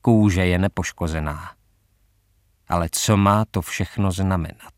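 A man narrating a story, voicing a calm young army commander in a matter-of-fact tone. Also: sits low, no room sound, clean studio sound, close to an everyday voice.

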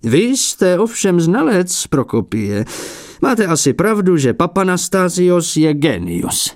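A man voicing a fussy, jealous old male abbot and icon painter who talks in a high, piping, peevish way and mocks his rivals. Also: very animated, no room sound, studio quality. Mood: huffy.

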